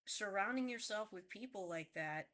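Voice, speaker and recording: An adult woman vlogger, her voice nasal as if just over a cold, speaks at medium pitch and a moderate pace with lively intonation and a slightly bright tone. In a casual, heartfelt tribute monologue she rambles earnestly and restarts often.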